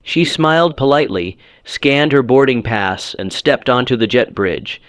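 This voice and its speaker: A man reading a dramatic story as its narrator, steady and scripted. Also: mid-range voice, a little slow, no room sound.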